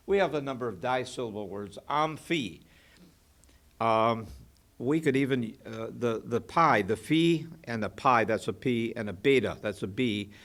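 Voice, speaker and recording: A man's voice: medium pitch, fairly bright tone. A man, a pastor, teaching a Bible study in a church, explaining points and asking the class rhetorical questions.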